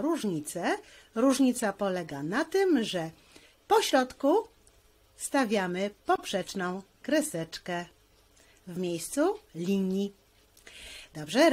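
A woman's voice: mid-range voice, very animated, slow. A woman teacher giving a handwriting lesson, explaining each stroke patiently, step by step.

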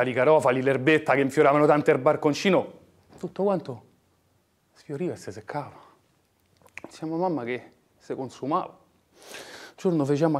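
A man acting an anguished working-class son in a dramatic monologue, with a Roman dialect accent, moving between hushed murmurs and impassioned outbursts. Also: medium pitch, lightly acted. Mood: bitter, sorrowful, then pleading, pained. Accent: Roman (old Romanesco dialect). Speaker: actor.

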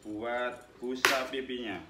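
Taking it slowly, a young motovlog host talks his viewers through a helmet he's disassembling, chatting casually and calling them "guys." His mid-range voice has fairly even intonation. Recorded indoors in a small tiled-wall room, the audio is echoey and noisy, with the mic at a distance.

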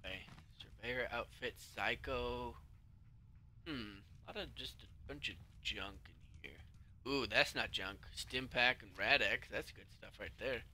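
Guy doing game commentary, talks to the characters, very bright voice, bit of hiss behind. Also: medium pitch, a little slow. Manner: chatty, talks to game characters, sudden yelps and whispers. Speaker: let's play gamer.

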